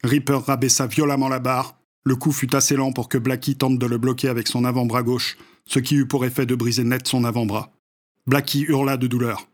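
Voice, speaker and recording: Man narrating a dark story, measured. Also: medium pitch, little pitch movement. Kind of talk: audiobook narration.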